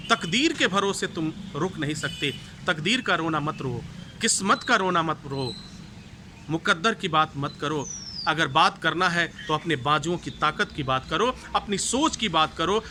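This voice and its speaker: A man giving a motivational speech to students in a declamatory way, repeating each line for emphasis. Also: on the high side. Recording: clear background noise.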